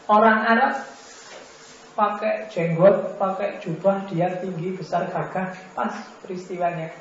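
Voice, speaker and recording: A man's voice: sits high, steady tone, measured pace, gravelly, fairly bright tone, a little hiss or hum. A man giving an informal philosophy lecture, conversational and teasing, full of rhetorical questions. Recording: very echoey, dull lo-fi room recording.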